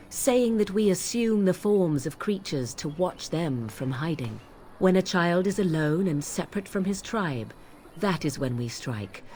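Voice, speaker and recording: A proud young witch of the wilds, cool and sardonic, with formal, archaic turns of phrase. Her voice sits on the low side but moves expressively, with a faint hiss of noise under it. It is fantasy video game dialogue. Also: darkish tone. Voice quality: haughty, formal archaic speech. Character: aloof, sardonic young woman witch and shapechanger.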